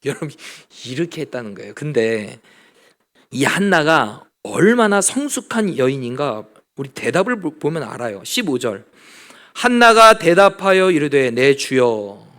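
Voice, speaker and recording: A man preaches a sermon at a church prayer meeting in a fairly high voice. His delivery is very animated, with wide swings in pitch. He brings quoted speech to life in changed voices and drops to a whisper for silent prayer. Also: normal speed. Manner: lively, acts out quoted speech in different voices. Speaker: pastor. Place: church sanctuary.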